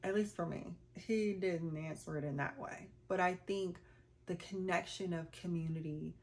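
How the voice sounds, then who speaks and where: A woman's voice: on the low side, normal speed. A woman vlogger from the United States telling a candid personal story in an earnest, heartfelt, chatty way. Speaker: vlogger and small business owner.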